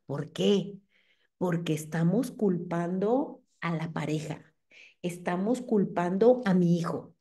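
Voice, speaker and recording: A middle-aged woman with a Mexican accent, giving an animated talk to a group of mothers and checking in with them as she goes. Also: on the low side, slow pace. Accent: Mexican Spanish. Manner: animated, asks the audience "¿ok?".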